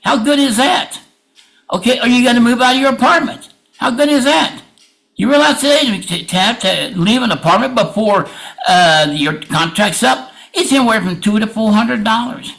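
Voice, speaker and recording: Guy at a public comment session, high bright forceful voice, emphatic and plain-spoken, repeats himself. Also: animated, normal speed, gravelly. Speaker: public commenter at a board meeting.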